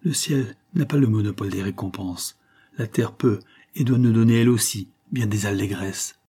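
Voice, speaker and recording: A man's voice: mid-range voice, normal speed, dark tone, husky, lightly acted. A man playing an ardent, gallant young nobleman. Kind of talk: audiobook character voice.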